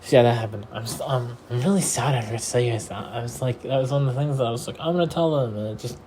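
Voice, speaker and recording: A man's voice: medium pitch, racing, dark tone, a little hiss or hum. A tired young man hosting a casual rambling monologue, meandering with many fillers and restarts. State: tired and yawning. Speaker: podcast host.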